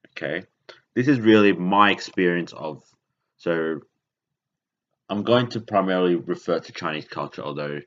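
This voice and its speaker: An Indonesian man hosts a casual podcast monologue in an extremely deep, slightly bright voice. He rambles haltingly and often stops to correct himself, and the recording sounds dull and lo-fi.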